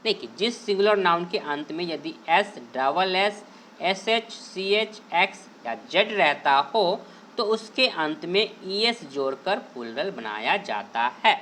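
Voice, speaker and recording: A man teaching a grammar lesson to students over on-screen slides. He asks a question, answers it himself, repeats the main points and drags key words out slowly. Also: high-pitched, animated, bright, forceful tone, slight background noise. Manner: drawls out key words slowly to stress them; addresses students fondly and directly. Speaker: online English teacher.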